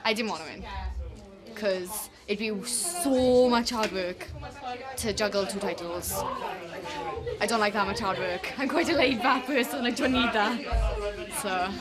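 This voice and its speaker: A woman's voice: mid-range voice, measured pace, long pauses, over a noisy crowd. A young woman chatting in a matter-of-fact way in a casual documentary interview. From Wales. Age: young adult. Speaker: pageant contestant.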